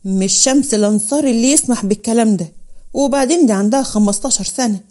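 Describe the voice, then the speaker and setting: A man's voice: very high voice, fast talker, dark tone. A woman voicing a stern, protective young groom, speaking firmly and earnestly in a told story.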